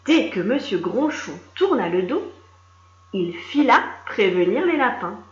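A woman reading a children's story aloud, expressive and speaking directly to a young listener. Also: mid-range voice. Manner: slow, expressive, addressing a child. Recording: roomy, slightly dull recording.

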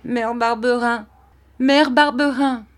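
A woman's voice: on the high side, fairly even intonation, slow, pitched above the performer's own voice. A woman voicing a frightened young boy who pleads and cries out. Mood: pleading.

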